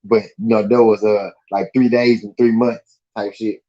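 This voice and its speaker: A podcast host with a Southern US accent chats casually on a live stream, laid-back, slangy, and rambling, with plenty of fillers. His voice is fairly low and dark, level in tone, at a normal speed. The audio sounds dull.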